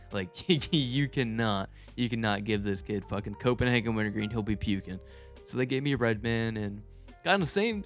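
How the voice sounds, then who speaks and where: Young man rambling through a casual, slangy storytime. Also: fairly low pitch. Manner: amused, chuckling at own tales. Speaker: storyteller video creator.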